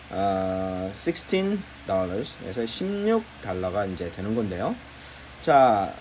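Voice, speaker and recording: A man's voice: medium pitch, slight background noise. A man teaching English phrases in Korean, explaining patiently and repeating key phrases for his students.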